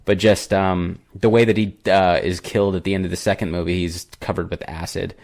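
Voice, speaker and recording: Sitting low and a little mellow, this young man's creaky, steady voice moves fairly quickly as he co-hosts a podcast. He rambles through a horror movie's plot with plenty of fillers and restarts in casual review talk.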